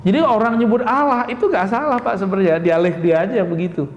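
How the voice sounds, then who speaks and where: A man preaches in a high, carrying voice, talking with his congregation and throwing them rhetorical questions. His words ring through an echoey mosque with a long reverb tail. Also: fast, highs cut off. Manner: conversational, addresses audience as Pak, rhetorical questions. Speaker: Islamic preacher. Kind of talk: sermon.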